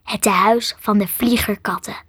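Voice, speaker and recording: A woman's voice: mid-range voice, steady tone, normal speed, fairly bright tone, breathy edge, dry recording, studio quality. A woman voicing a mysterious, menacing cat-like creature in a hissing whisper, reading a storybook aloud.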